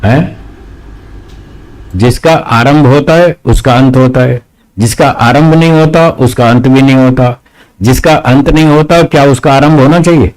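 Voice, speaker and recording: A man's voice: medium pitch, a little slow, darkish tone, rough recording. A man, a spiritual teacher answering audience questions, explaining step by step with rhetorical questions and firm corrections.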